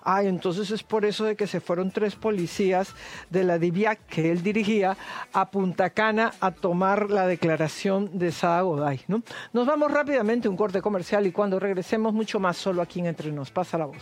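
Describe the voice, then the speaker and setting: A man hosting a TV interview, halting and searching for words as he talks. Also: high-pitched. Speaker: talk show host. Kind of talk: live TV interview.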